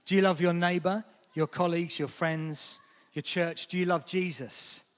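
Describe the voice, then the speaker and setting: A man in his thirties delivers a chatty sermon, mixing friendly asides with scripture. His voice sits a little high for a man. The sound carries the long echo of a church hall. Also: normal speed. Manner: lively, conversational, with asides and light laughs. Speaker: preacher.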